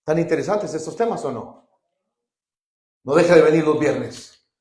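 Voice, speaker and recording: A man's voice: on the high side, animated, normal speed, darkish tone. A man preaching a Bible-study sermon as pastor, emphatic and calling for answers from the congregation. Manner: call-and-response preaching, emphatic. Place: church hall. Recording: echoey church hall.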